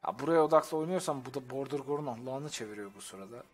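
A man's voice: mid-range voice, quick pace, husky. A young man streaming and observing a strategy game league, commenting to his chat and groaning in exasperation at the players.

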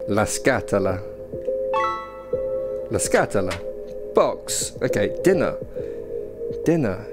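With a lowish voice, big pitch swings, and an unhurried delivery, a young gaming YouTuber records first-impressions commentary on a VR game. He speaks casually and self-deprecatingly into a headset mic in a small indoor room, reading prompts aloud as game music plays.

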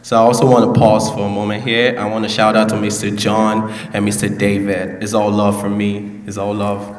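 Delivering a graduation speech, a young man serving as valedictorian stands at a podium in a large school hall and throws playful asides to the audience. His voice is fairly low and completely flat, at normal speed. With the podium mic at a distance, the hall echoes and there is slight background noise.

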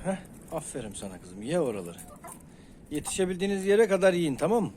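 A man's voice: a little high, big pitch swings, quick pace, dark tone, a little hiss or hum. A man collecting eggs in a chicken yard, counting aloud and talking fondly to his hens in a casual vlog. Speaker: chicken keeper. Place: outdoors in a chicken yard by the sea.

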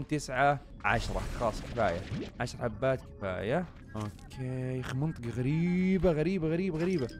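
A young man giving excited, chatty gameplay commentary straight to his viewers. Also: a little high. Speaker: gaming YouTuber.

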